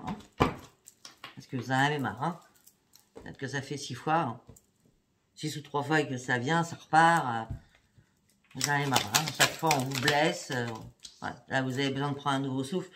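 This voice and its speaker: A woman doing a tarot reading for her viewers, speaking in a chatty way and often checking in with "hein" and "d'accord". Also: very deep voice. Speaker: psychic card reader. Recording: steady background noise with clicks.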